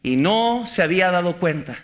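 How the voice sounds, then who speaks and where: A man, a pastor preaching an impassioned sermon, hammering rhetorical questions and at times shouting. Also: sits high, lively intonation, moderate pace.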